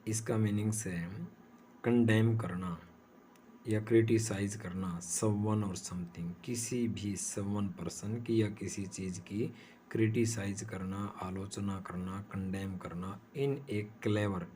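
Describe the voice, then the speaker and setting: A man teaching English vocabulary in a slow, measured way, often repeating himself. His voice sits low and mellow. A faint hiss of background noise runs under the recording. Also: steady tone. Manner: explains patiently, repeats words and slows down for English examples. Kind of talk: vocabulary lesson explaining words in Hindi.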